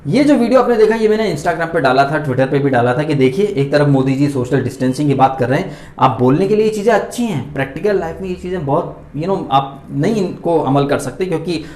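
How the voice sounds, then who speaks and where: A man's voice: a little high, expressive, brisk, few pauses, a little mellow. A man delivering opinionated political commentary for his channel, indignant and full of rhetorical questions. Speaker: vlog host and political commentator. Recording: roomy echoey room.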